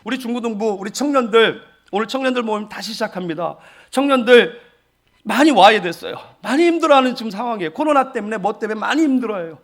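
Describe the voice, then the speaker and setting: A male pastor preaches and tells his own story with emotion, often putting questions straight to the congregation. His voice sits high for a man. His pitch swings widely as he speaks. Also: lively intonation, fast. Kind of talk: sermon with personal testimony.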